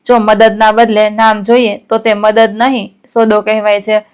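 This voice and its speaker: A woman voicing a kind, selfless young village heroine, speaking calmly and gently. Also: medium pitch, normal speed, smooth, lightly acted. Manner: calm, gentle, steady.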